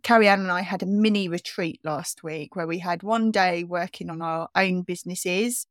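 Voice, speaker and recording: A woman co-hosting a podcast in casual, self-mocking chat, with a croaky morning voice. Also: on the low side, no echo, studio quality. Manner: chatty, self-mocking, quick restarts. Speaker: podcast co-host.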